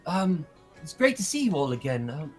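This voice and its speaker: A man's voice: a little high, very animated, moderate pace, a little mellow, faint music behind, voice pushed up. A man voicing a polite, modest elven guard captain who stumbles over his words. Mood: courteous. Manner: flustered, stumbling, courteous.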